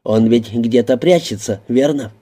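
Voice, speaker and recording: A man voicing a smug, coercive man in an audiobook reading, speaking with slow, even, coaxing menace. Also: medium pitch, lightly acted. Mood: cold.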